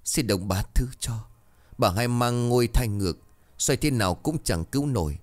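A man's voice: medium pitch, lively intonation, moderate pace, voice pushed up, natural voice. A man voicing a hard, scheming old midwife who gives curt orders and feigns sorrow. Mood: feigned grief.

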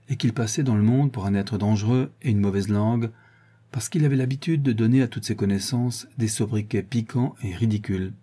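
A man reading a novel aloud as narrator in a calm, measured way. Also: mid-range voice, husky. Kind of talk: audiobook reading.

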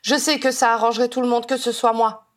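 A woman's voice: fairly high pitch, little pitch movement, fast, natural voice. A woman reader voicing a strident, resentful young wife who accuses everyone around her. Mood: bitter, shrill. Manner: accusing, bitter, defensive.

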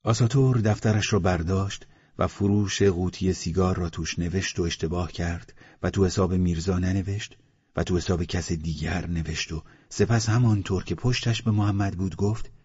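Brief: male audiobook narrator, very deep and husky, measured reading, muffled sound. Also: fairly even intonation, darkish tone. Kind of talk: scripted narration. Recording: slightly muffled recording.

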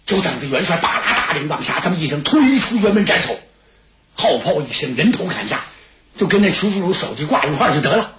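A man narrating a traditional tale on radio in a brisk, animated way. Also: on the high side, roomy sound, slight background noise. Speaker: storyteller.

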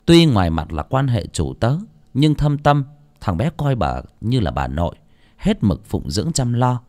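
A man narrating an audiobook story in an expressive, dramatic reading style. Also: measured pace. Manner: expressive, dramatic reading with wide pitch swings.

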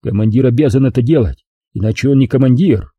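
A calm young lieutenant, voiced by a man talks in a measured, slightly lecturing way. The voice is dark and mellow with a husky grain. It is recorded close and dry. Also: mid-range voice, no echo, lo-fi sound, lightly acted.

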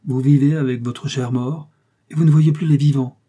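A man's voice: mid-range voice, fairly even intonation, normal speed, warm tone, breathy edge, close to an everyday voice. A man voicing an earnest, devoted young woman who pleads humbly and bravely. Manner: pleading, emotional.

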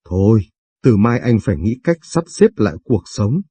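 Narrator doing a contrite aging husband, low, dark and husky. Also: male voice, sing-song, moderate pace, dry recording. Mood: remorseful. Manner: low, apologetic. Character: remorseful aging husband, quiet and apologetic.

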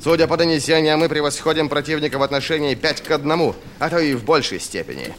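A man's voice: a little high, animated, quick pace, a little hiss or hum, pitched above the performer's own voice, lightly acted. A man voicing a stern, curt older army commander in an audiobook, speaking bluntly and with authority. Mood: commanding.

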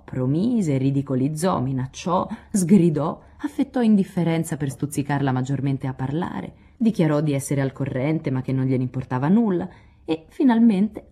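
A woman reading a classic novel aloud as an audiobook, measured and expressive. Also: sits low, slightly rough. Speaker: audiobook reader. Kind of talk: literary audiobook narration.

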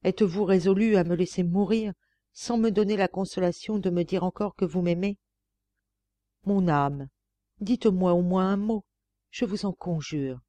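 A woman's voice: on the low side, normal speed, mellow, no echo, natural voice. A woman voicing an impassioned sorceress queen. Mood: pleading. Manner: impassioned, theatrical lamenting. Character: passionate, cruel sorceress queen pleading with her lover. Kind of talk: audiobook reading of a classic tale.

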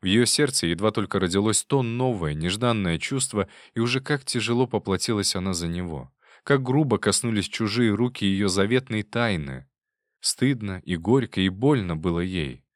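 Measured male audiobook narrator. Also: on the low side, no echo, clean studio sound. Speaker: audiobook reader. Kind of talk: scripted narration.

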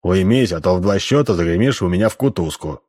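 A man voicing a gruff, stern rural constable who barks orders. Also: deep voice, animated, quick pace, darkish tone. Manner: barking, stern.

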